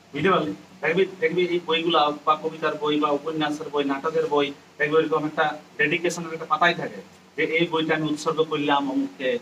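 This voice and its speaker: A man's voice: a little high, bright, forceful tone. A man, teaching a poem to a class, repeating points and spelling words letter by letter to his students. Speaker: English teacher. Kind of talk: classroom lecture explaining a poem. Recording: distant mic with faint ambient noise.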